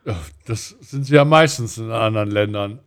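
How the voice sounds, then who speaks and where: A man's voice: fairly low pitch, normal speed, clear, resonant tone. A middle-aged man co-hosts a casual talk show. He speaks in an easygoing way and steers the conversation from one topic to the next. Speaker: podcast co-host. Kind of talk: casual chat.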